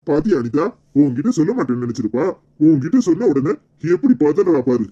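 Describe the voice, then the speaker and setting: Man voicing a sly, husky village uncle. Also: a little high, animated, fairly quick, dark tone, highs cut off. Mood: accusing. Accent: Kanyakumari Tamil. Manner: sly, tattling, self-righteous. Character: scheming middle-aged village uncle, sly accuser. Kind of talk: cartoon comedy voice acting.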